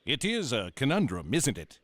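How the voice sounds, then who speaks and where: A man's voice: medium pitch, wildly swooping pitch, normal speed, fairly bright tone, no echo. A man playing a condescending, pompous colonial newspaperman in a history cartoon. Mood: condescending, scheming. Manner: condescending, wordy. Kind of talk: animated history cartoon acting.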